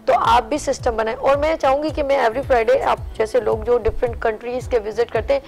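A woman's voice: a little high, steady tone, a little fast, creaky, a little mellow, soft background music. A woman hosting a morning talk show, speaking earnestly and at length in a casual studio discussion. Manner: earnest, lecturing, talks at length.

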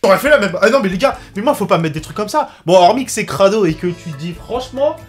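A man's voice: sits high, fast talker, soft background music. A young man giving casual reaction commentary on a TV show, joking and ranting with lots of swearing. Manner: swearing, joking, animated rants.

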